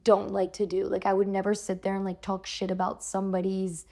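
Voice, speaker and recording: A young woman, a podcast guest, tells a candid personal story in a chatty, casual way, peppering her talk with "like" and swearing freely. Her mid-range voice is warm in tone but monotone and brisk.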